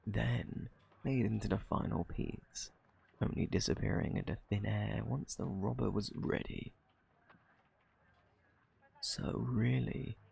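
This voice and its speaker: In an ASMR roleplay, a British man plays a cunning, shamelessly flirtatious gentleman thief. His low, husky voice is thick with gravelly fry as he swoops through an exaggerated, smug, taunting drawl, teasing with mock innocence and a sly, smug mood.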